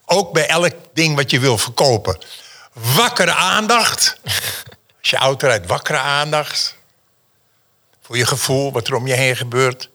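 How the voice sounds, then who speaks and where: A man's voice: medium pitch, fairly quick, hardly any pauses, bright, forceful tone. A man, a painter, telling stories as an interview guest, theatrical and emphatic, repeating phrases for effect. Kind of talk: animated storytelling in an interview.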